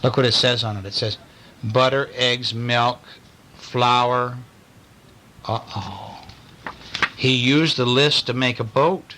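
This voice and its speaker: Slow and full of long pauses, a father's mid-range, fairly even voice carries a bedtime storybook for his kids. He livens it with playful asides, acted-out lines and sound effects, all in a noisy amateur recording at home.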